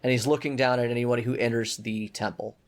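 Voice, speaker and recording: A man's voice: medium pitch, steady tone, fast talker. A man narrating a tabletop game as game master, casual and full of self-corrections.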